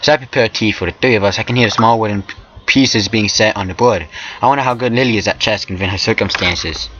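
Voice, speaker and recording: A man's voice: lowish voice, quick pace, fairly bright tone, highs cut off. A man reading a visual novel aloud for a let's play, stumbling over words and tossing in joking asides. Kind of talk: casual let's play narration.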